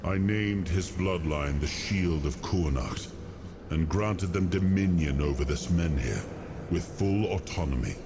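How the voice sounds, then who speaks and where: An actor playing a weary, proud king of legend who speaks in a grave, regal, deliberate manner in a game cutscene. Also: deep voice, background noise. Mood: brooding, grave. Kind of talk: dramatic game cutscene monologue.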